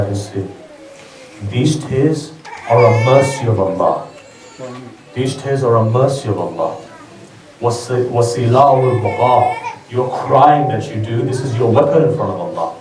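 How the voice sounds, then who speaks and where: A man's voice: mid-range voice, a little mellow. A man giving an emotional sermon to a gathering, pleading and repeating his lines. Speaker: preacher. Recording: echoey hall, from a distance.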